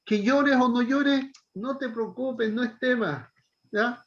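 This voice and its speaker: A middle-aged man teaching a pastoral counseling class, gently coaxing a student and checking in often. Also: very high-pitched, takes it slowly, lo-fi sound.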